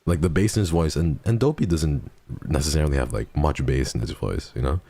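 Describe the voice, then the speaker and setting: A tipsy man chatting casually through a deep voice changer, loose and swearing freely. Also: a little fast, warm tone. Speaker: streamer. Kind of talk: casual chat.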